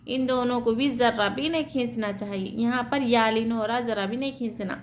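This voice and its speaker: A woman's voice: on the high side, a little hiss or hum. Woman teaching Quran reading rules. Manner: slow, drawn-out syllable-by-syllable spelling; explaining rules with repeated "theek hai" checks. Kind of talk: tajweed lesson, spelling out letters.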